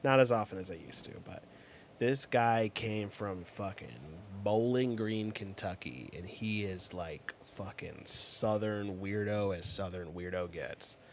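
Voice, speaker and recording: A man's voice: on the low side, unhurried, slight background noise. A man in his twenties chatting casually on a livestream, telling rambling, profane stories with lots of filler words. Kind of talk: casual chat.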